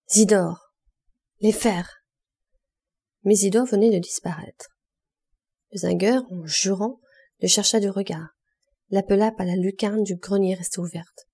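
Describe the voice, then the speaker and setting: A woman narrating a classic novel as an audiobook reader, measured and expressive in short phrases. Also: medium pitch, husky. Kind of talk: scripted literary narration.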